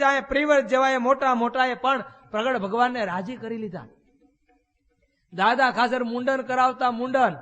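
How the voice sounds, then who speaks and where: A man's voice: very high-pitched, a bit bright. A man, a swami preaching in a temple hall, telling folksy stories full of rhetorical questions. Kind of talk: storytelling sermon. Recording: long hall reverb.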